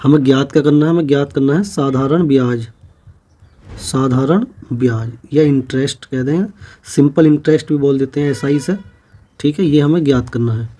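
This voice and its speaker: A man with a mellow, darker voice of ordinary pitch teaches an exam-prep maths class. He works through each problem slowly and methodically, repeating every figure as he writes it.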